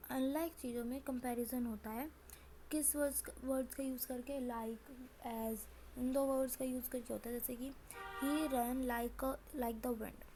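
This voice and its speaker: A woman teaching a lesson, asking and answering her own questions and reading examples slowly. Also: sits high, darkish tone, slight background noise. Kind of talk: classroom lesson.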